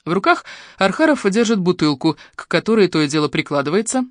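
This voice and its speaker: A man reading a detective audiobook aloud in a steady, expressive way. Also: high voice, fast talker, no room sound, clean studio sound. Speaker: narrator. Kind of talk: audiobook narration.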